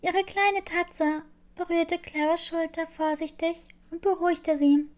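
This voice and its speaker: A woman narrating a scripted children's story in a slow, soothing way. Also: very high voice, fairly even intonation.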